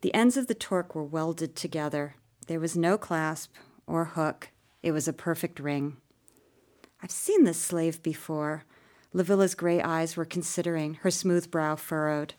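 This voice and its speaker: Low-voiced woman reading a story. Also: moderate pace, darkish tone. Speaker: audiobook narrator. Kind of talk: scripted first-person narration.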